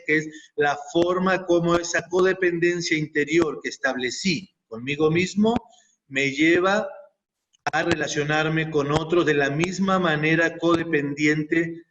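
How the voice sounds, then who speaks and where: Distant, muffled man explaining calmly. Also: fairly high pitch. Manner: explains step by step in repeated lists. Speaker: guest speaker on codependency. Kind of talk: reflective explanatory talk. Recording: distant, muffled mic with faint noise.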